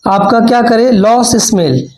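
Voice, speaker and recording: Male science teacher, gravelly and dark, asks his own questions as he teaches, in a roomy space. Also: extremely high pitch, measured pace. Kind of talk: exam-prep lesson.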